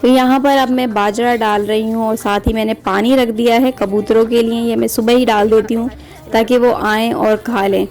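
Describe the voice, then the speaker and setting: A woman in her thirties narrating her family vlog in a calm, even voice-over. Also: fairly high pitch, moderate pace. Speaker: family vlogger and mother. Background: soft background music.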